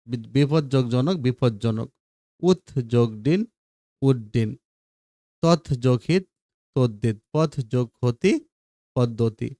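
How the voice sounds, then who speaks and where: Man drilling grammar in a mellow voice. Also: mid-range voice, no room sound, studio quality. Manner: drills examples, checks in with students. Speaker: teacher. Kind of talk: grammar lesson for students.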